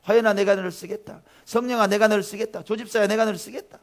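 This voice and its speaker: A preacher voicing God calling members by name. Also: male voice, lowish voice, fairly quick, gravelly, a little mellow. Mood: rising, fervent. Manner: solemn repeated calling by name.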